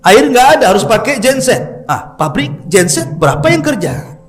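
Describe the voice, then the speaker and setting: Male preacher, high voice, lively joking storytelling sermon, faint music behind. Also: moderate pace. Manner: lively, chatty, jokes with the audience. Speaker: Islamic preacher.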